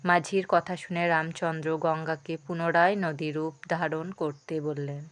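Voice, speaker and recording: Woman devotional storyteller, gentle preaching manner, lowish smooth voice, close mic. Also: level tone, a little slow, dry recording.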